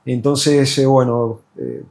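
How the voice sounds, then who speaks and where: A man's voice: medium pitch, sing-song, slow, a little mellow. A man from Argentina with an Argentine accent, telling his story as a patient in a hesitant, casual way full of fillers and restarts. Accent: Argentine Spanish. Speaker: patient giving a testimonial. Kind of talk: casual spoken testimony.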